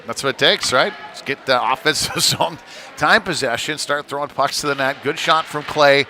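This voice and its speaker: A man with a higher-pitched voice calls live ice hockey play-by-play at a normal pace, amid clearly noisy arena ambience. His commentary is conversational and informal, sprinkled with tag questions.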